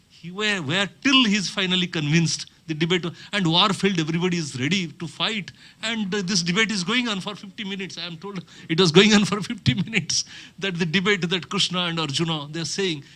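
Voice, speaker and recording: A man giving a public speech at a round table meeting, measured and rhetorical, with pauses and restarts. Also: sits high, bright, forceful tone.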